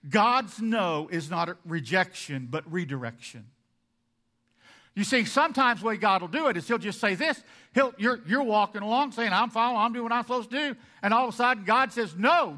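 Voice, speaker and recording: Male pastor, high bright tone, lively sermon delivery with big loud-soft swings. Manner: animated, swings between loud emphasis and soft asides; acts out the congregation's objections.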